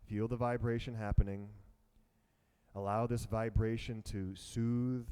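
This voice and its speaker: Low, mellow-voiced man guiding a meditation. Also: clear, resonant tone. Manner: slow, calm and soft-spoken. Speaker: meditation teacher. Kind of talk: guided meditation instruction.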